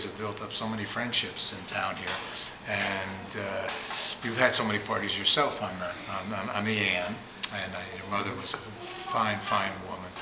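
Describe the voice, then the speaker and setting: A man hosting an interview, talking haltingly with many restarts. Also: fairly low pitch, heavy background noise. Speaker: interviewer, host. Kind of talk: casual interview. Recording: echoey room at a loud party.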